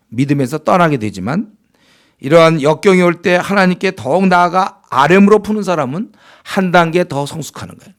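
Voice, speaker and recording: Korean pastor guy, gravelly voice, chatty sermon, jumps up loud when he acts out complainers. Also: fairly high pitch. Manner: conversational preaching, acts out complaining believers in raised voice.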